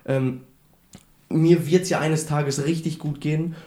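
Young man with roomy, mellow voice. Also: fairly high pitch, steady tone, slow pace. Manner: enthusiastic, youthful slang. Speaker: podcast co-host.

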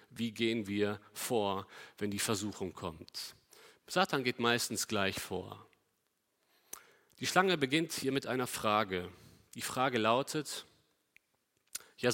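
A man preaching a sermon, emphatic, asking the congregation rhetorical questions and swinging between loud stresses and quiet passages. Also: medium pitch, big-room sound.

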